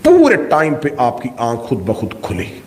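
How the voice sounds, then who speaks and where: A male Shia cleric giving a majlis sermon, oratorical and full of rhetorical questions, swinging from loud peaks to hushed asides. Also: medium pitch, huge pitch swings. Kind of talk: majlis sermon to a live congregation.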